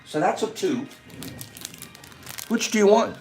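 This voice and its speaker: A man hosting a casual livestream, chatty and animated as he reads out viewer names and runs a guessing game. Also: high voice, takes it slowly, faint music behind. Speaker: livestream host.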